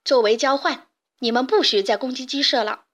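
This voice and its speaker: A woman's voice: high voice, brisk, fairly bright tone. A woman voicing a kind, brave young rooster in a children's storybook, speaking earnestly. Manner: earnest and persuasive.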